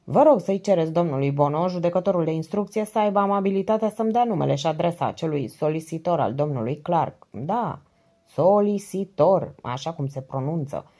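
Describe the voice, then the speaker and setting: A woman's voice: deep voice, hardly any pauses, warm tone. A woman reading the lines of a stern middle-aged male police commissioner in an audiobook, curt and businesslike on the phone. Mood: brisk.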